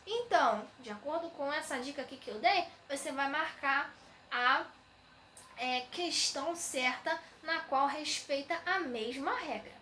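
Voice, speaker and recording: A woman's voice: sits high, sharp tone, slight background noise. A woman teacher, patiently explaining textbook exercises to young students, often saying "né". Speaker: schoolteacher. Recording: echoey room.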